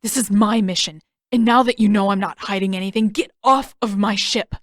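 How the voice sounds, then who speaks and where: A woman's voice: medium pitch, brisk, dry recording, clean studio sound, close to an everyday voice. A woman voicing a hot-tempered young male prince in a fan audiobook reading, snapping and indignant. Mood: furious.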